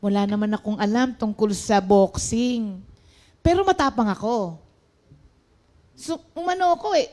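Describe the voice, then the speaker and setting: High-pitched female preacher, casual and talky, speaks straight to the congregation. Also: expressive, measured pace, pauses often, darkish tone. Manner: chatty, mixes in English, addresses listeners as brothers and sisters. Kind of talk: conversational sermon.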